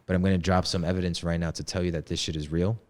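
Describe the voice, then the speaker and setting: A man's voice: sits low, level tone, very fast, darkish tone. A man in his twenties, a podcast guest, telling a personal story in a candid, slangy way, full of "yo" and "bro". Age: 20s. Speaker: podcast guest, men's coach. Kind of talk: casual storytelling.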